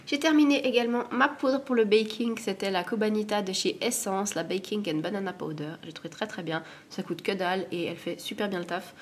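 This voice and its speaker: A woman's voice: medium pitch, brisk, few pauses, slight background noise. A woman with a cold chatting casually through a beauty product review, rambling and poking fun at herself. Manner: chatty, rambling, self-deprecating. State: has a cold. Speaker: beauty vlogger.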